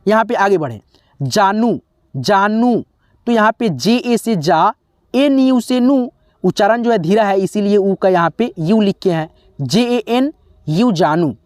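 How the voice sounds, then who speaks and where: A man teaching a spelling lesson, slowly sounding out letters one by one and often pausing to check in with his viewers as friends. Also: sits high, animated, darkish tone, no room sound, clean studio sound. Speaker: English teacher.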